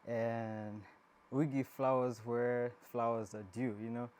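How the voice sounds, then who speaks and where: A Rwandan man hosts a casual interview in a clear, resonant, medium-pitched voice that is level, slow and slightly dark. His questions wander loosely, and he restarts them frequently.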